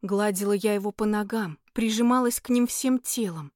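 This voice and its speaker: A woman's voice: fairly high pitch, moderate pace, a little mellow, no echo, clean studio sound. Woman narrating a dramatic audiobook. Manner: emotional, dramatic reading. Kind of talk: first-person fantasy audiobook narration.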